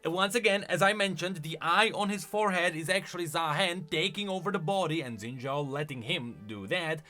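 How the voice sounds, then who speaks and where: A video host with a fairly high-pitched, sharp-toned voice talks at normal speed over faint background music. He gives casual, enthusiastic commentary on game lore, explaining things as he goes.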